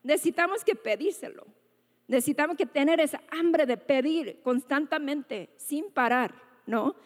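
A woman's voice: high voice, moderate pace. A woman giving an earnest testimony sermon at church, talking conversationally and often tagging her sentences with little questions. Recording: long reverb of a large hall.

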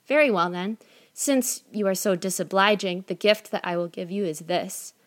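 A woman voicing a calm, stern female fairy who speaks in a measured way. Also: medium pitch, lightly acted.

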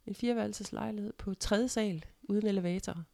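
A woman's voice: mid-range voice, gravelly, mellow. A middle-aged woman telling personal stories in casual conversation, candid and matter-of-fact. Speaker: guest, mother of the host.

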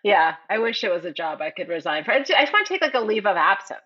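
A woman's voice: medium pitch, very animated, quick pace, pushed and bright, breathy edge. Chatty woman podcast host, dull lo-fi sound. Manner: chatty, laughs often, mock-formal jokes. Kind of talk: casual chat.

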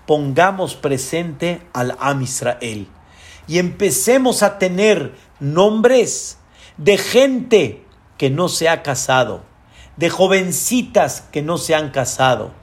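A man preaching a sermon as a rabbi, earnest and slow, mixing in Hebrew terms. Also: high-pitched.

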